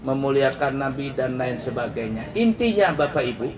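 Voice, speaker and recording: A man preaching a sermon, telling a story in a lively, dramatic way and addressing the congregation directly. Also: medium pitch, moderate pace, crowd noise.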